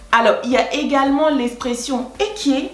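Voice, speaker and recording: A woman from West Africa, chatting casually in a vlog, explaining things and laughing often. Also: high voice. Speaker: vlogger. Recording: echoey room.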